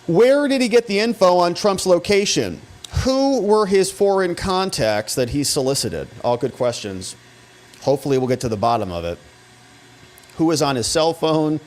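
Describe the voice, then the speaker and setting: An American man, a legal commentator, hosts a casual live commentary stream, reading viewer messages and answering them. He talks in an informal, conversational way and uses rhetorical questions. His voice is fairly high in pitch.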